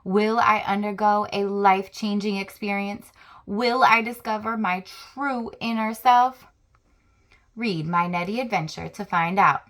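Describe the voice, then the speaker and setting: A woman's voice: medium pitch, fairly even intonation, fairly bright tone. A woman reading aloud as a timid, anxious male storybook squirrel who is overprepared for danger. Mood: nervous. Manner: reading in the first person, careful and slow.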